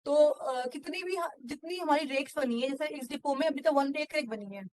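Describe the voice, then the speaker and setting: A woman running a software training session, explaining step by step with frequent fillers. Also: high-pitched, brisk. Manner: mixes Hindi and English, explanatory, frequent fillers. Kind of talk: screen-share training walkthrough.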